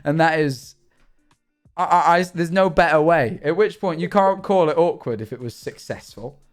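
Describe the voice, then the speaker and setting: A man's voice: a little high, moderate pace, faint music behind. A young British man chatting casually on a livestream, joking and rambling with frequent restarts. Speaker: streamer.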